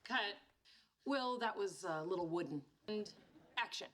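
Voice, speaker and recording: A woman's voice: mid-range voice, animated, a little slow, a bit bright. An actress playing a bossy, touchy girlfriend directing an amateur show in a sitcom, blunt and critical. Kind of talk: sitcom acting.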